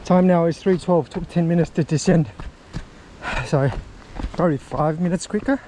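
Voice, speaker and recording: A man's voice: on the high side, normal speed, background noise. Out-of-breath man breathing heavily outdoors. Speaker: vlogger. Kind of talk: casual vlog chat during a trail run. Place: outdoors on a mountain trail.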